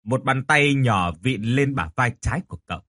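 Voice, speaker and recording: A man reading a horror audiobook with an expressive, dramatic delivery. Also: mid-range voice, moderate pace. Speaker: narrator.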